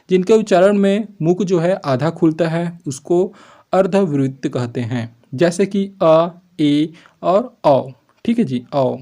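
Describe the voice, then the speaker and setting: A man with a slightly high, mellow voice leads an exam-prep lesson. He explains each point patiently and answers his own rhetorical questions. He keeps checking that his listeners follow, and he stretches out sample vowel sounds slowly. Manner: explains step by step, often checks with "ठीक है जी"; asks rhetorical questions and then answers them. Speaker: teacher.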